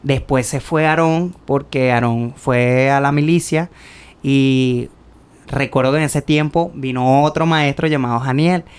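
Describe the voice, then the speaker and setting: A man's voice: medium pitch, measured pace, smooth. A young man, chatting on a podcast and telling a personal church story, acting out the voices in it. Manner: animated storytelling, acts out quoted dialogue. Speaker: podcast co-host, church musician. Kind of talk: casual chat, personal testimony.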